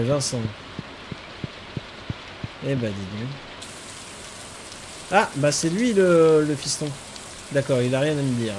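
A man's voice: a little high, background noise. A man doing casual let's-play commentary, chatting and reading game text aloud, now and then swearing lightly. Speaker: gaming streamer. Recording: game music playing behind. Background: game music and rain sounds.

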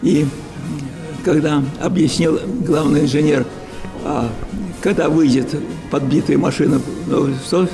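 Halting man in his nineties. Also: a little high, fairly even intonation, creaky, over music. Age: 90s. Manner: halting, with fillers and restarts. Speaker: war veteran and professor interviewed. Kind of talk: interview recollection.

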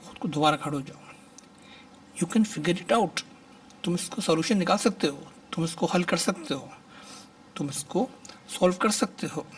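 A man teaching English expressions in a lecture, reading each phrase slowly and then explaining it. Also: on the high side, a bit bright, recorded from a distance.

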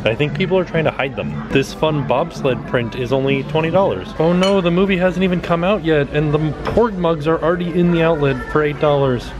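A man's voice: a little high, a little fast, hardly any pauses, over music. A man in his thirties, a vlogger, chatting upbeat about prices while browsing a busy store on a handheld camera. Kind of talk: casual vlog narration. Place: busy outlet store and parking lot.

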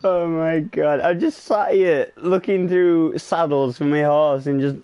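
A young man chatting casually while gaming with a friend, relaxed and amused. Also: a little high, a little slow, highs cut off. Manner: laid-back, laughs at his friend. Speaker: co-player.

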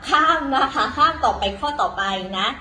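A woman's voice: high voice, lively intonation, normal speed, pushed and bright, echoey room, low-quality recording. A woman teaching in a casual, chatty way, full of fillers and self-corrections, talking to viewers as younger siblings. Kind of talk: casual vlog-style lesson.

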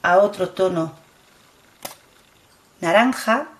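A middle-aged beauty vlogger with a Spanish accent from Spain speaks slowly in a medium-pitched voice. She chats casually while showing her products on camera, repeating herself as she urges viewers to look closely.

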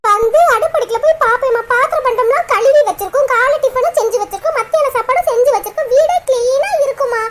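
Cartoon woman as a squeaky young wife, Kanyakumari Tamil, chatty and sulky. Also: fast talker, hardly any pauses. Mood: complaining. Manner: chatty, aggrieved storytelling. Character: young married woman, sulking, lazy, complaining. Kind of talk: cartoon voice acting.

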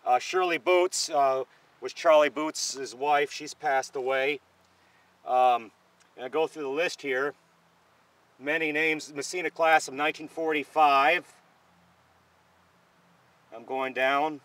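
A man's voice: fairly high pitch, fairly even intonation, slow, long pauses, fairly bright tone, dry recording, low-quality recording. Rambling man touring a playground outdoors. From northern New York, US. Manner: rambling, chatty, with many fillers. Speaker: vlogger giving a playground tour. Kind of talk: casual walking tour commentary. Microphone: camera held by a cameraman.

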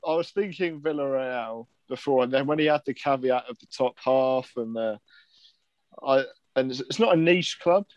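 A man's voice: medium pitch, normal speed, darkish tone, dry recording, lo-fi sound. A man competing in a football quiz, thinking aloud hesitantly with his team. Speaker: quiz contestant. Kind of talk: casual team discussion.

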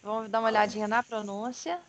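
Woman, Brazilian Portuguese accent, English teacher, patient explanations, slow pronunciation modelling, higher pitch, video call, faint noise. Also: fairly even intonation. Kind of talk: online English lesson.

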